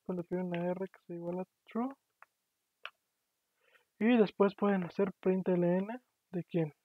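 Over tinny, dry, phone-like online class audio, this university lecturer's voice sits high, with a steady tone and measured pace. He patiently explains programming and often checks in with his students.

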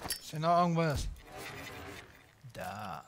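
Loud shooter gunfire runs behind a man with a fairly high voice. He comments casually on his game as a let's player, muttering short reactive remarks. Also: very animated, slow pace. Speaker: let's play gamer. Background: shooter game gunfire and vehicle noise.

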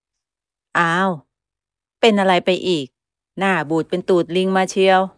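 A woman's voice: medium pitch, little pitch movement, measured pace, clean tone, dry recording, clean studio sound, natural voice. A woman voicing a teasing, henpecked middle-aged father.

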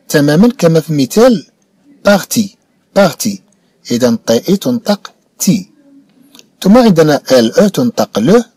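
A Moroccan man walks young pupils through a French lesson, repeating each word with patience. His pitch moves a lot, and his voice is mellow with a slight husk. The sound is close and dry, with no room around it. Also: slightly rough, no echo. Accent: Moroccan Arabic. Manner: patient, repeats words slowly for learners. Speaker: primary school French teacher. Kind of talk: explanatory lesson narration.

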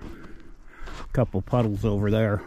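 Middle-aged man, casual vlog host, easygoing and folksy; lowish voice over steady background noise. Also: slow. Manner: laid-back, folksy updates. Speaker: outdoor vlogger. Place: frozen lake outdoors and inside an ice-fishing tent.

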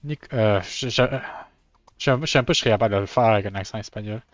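A man's voice: on the low side, fast, no room sound, highs cut off. A man with a Québécois French accent chatting casually on a live stream while drawing, often stammering and restarting, with English words mixed in.

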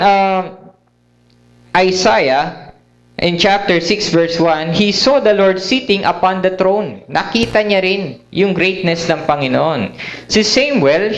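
A man's voice: high voice, low-quality recording. A man with a Filipino accent preaching a sermon at a prayer meeting, mixing English and Tagalog and often asking his listeners tag questions. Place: church hall.

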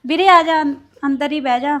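A young woman playing a polite daughter-in-law in a short film drama, soft-spoken and conciliating. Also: high voice, brisk. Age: young adult.

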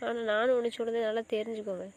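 A woman's voice: a little high, level tone, racing, a little mellow, lightly acted. A woman playing a hurt young wife in an amateur drama, scolding and insisting. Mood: angry. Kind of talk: amateur web drama acting.

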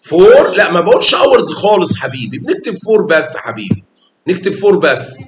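Over a crowd in the background, a math teacher speaks briskly in a sing-song voice, his Egyptian Arabic accent clear. He's teaching young children with patience and affection, calling them pet names, and the echoey classroom carries a faint rumble.

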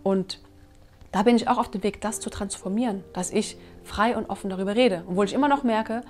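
Earnest, animated woman in her thirties, a parenting vlogger talking straight to camera. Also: mid-range voice, brisk. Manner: earnest, animated, acts out her own scolding. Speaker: parenting vlogger, mother of three. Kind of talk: casual talk to camera. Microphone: camera mic.

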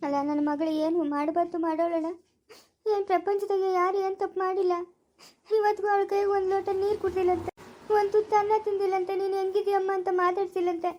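A woman with a rural Chikkaballapura Kannada accent, acting a sharp-tongued, scheming village mother in a family skit, scolding and accusing. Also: extremely high pitch, level tone, fast, dull audio, a little hiss or hum. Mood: aggrieved.

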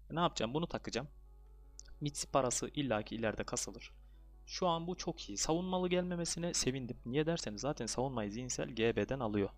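A young man chatting casually through his online game session, fussing over luck and getting excitable when things go his way. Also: medium pitch, a little fast, soft background music. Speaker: gaming video creator. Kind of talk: casual gameplay commentary.

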